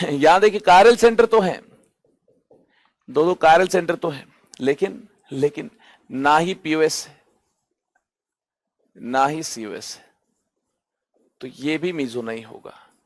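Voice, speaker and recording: A man's voice: a little high, takes it slowly, pauses often. A man teaching chemistry, asking rhetorical questions and answering them himself, stretching out key terms for emphasis. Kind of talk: online lecture.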